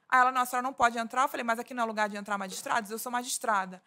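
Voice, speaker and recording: In a conference hall, a labor judge from Rio de Janeiro, Brazil, gives an earnest seminar talk with a Rio de Janeiro Portuguese accent, frequently restarting sentences and using fillers. Her voice is on the high side, pushed and bright, with fairly even intonation and a racing pace.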